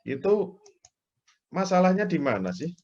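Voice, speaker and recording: A man's voice: sits high, very animated, a little slow, darkish tone. A man preaching an Islamic lecture, explaining everyday examples and acting out people's prayers, tinged speech. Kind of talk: religious lecture. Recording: dull lo-fi lecture recording.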